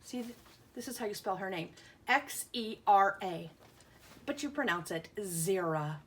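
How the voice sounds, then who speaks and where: There's a little hiss or hum behind this woman, whose medium-pitched voice is lively and unhurried. Teaching young children, she reads a picture book aloud, gives simple explanations, asks questions, and sounds out words and letters with emphasis.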